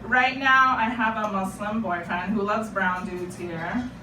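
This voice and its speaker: Captured from a distance in a roomy live club, a young woman from Japan whose native tongue is Japanese does a chatty stand-up set, poking fun at herself and trading remarks with the crowd. Her medium-pitched voice is fairly even in intonation and a little slow, set against heavy background noise.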